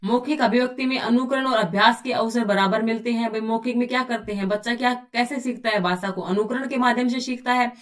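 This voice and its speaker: A woman teacher works through exam material, posing question after question to her listeners and then answering each one herself. Her voice sits a little high for a woman and comes across as somewhat distant from the microphone. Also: steady tone, a little fast, hardly any pauses. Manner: explains by asking and answering her own questions, often says "bhai". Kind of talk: exam-prep lecture.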